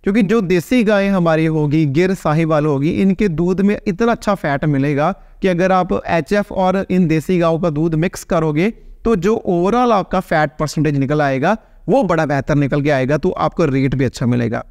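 Seated in a small plain room, this thirties-aged vet responds to viewer questions on camera, keeping it conversational and frequently asking "right?". His slightly high, a little mellow voice moves at a moderate pace with few pauses, and the studio-quality audio has no echo.

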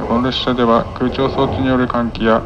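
A man's voice: mid-range voice, little pitch movement, fairly quick. A man working as a train conductor, making clipped, formulaic live announcements. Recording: muffled train PA, clear vehicle noise. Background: moving train noise.

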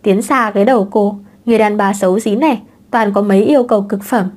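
A woman's voice: medium pitch, fast, darkish tone, close to an everyday voice. A woman voicing a vain, irritable thirty-year-old man in an audiobook. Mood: annoyed.

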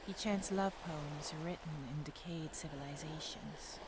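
A woman voicing a lonely, yearning young woman in soft, measured poetic narration. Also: deep voice, very noisy. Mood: wistful. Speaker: narrator of a short film.

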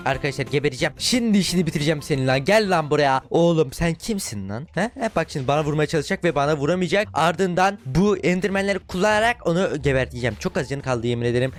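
Fast-talking excitable young man commentating a game. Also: on the high side. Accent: Turkish. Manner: loud bursts of frustration and cheering while fighting. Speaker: gaming YouTuber.

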